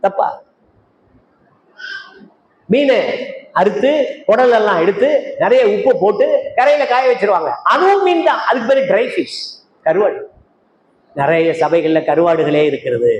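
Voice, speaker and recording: An older evangelist from Tamil Nadu, India, preaches in a church meeting hall with a high-sitting, very animated voice, keeping a measured pace and pausing often. He fires rhetorical questions at the congregation and calls out to listeners by name. The audio is dull, with hall echo and faint noise.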